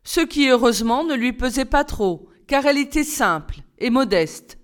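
A woman narrating a children's story in a clear, measured reading voice. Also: high-pitched, expressive. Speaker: reader.

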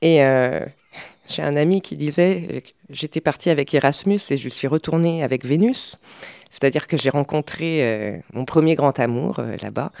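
A woman's voice: low-pitched, moderate pace, creaky, darkish tone, no echo, studio quality. A middle-aged woman speaking as an interview guest, in a hesitant way with frequent fillers and restarts. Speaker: guest, language specialist. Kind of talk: conversational interview.

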